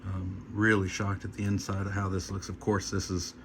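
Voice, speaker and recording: A hobbyist presents a radio repair video, giving a casual, unscripted hands-on demonstration. His low, gravelly voice stays completely flat at a moderate pace, and he talks in plain-spoken, hesitant, short trailing phrases. Noticeable hum and background noise run through the recording.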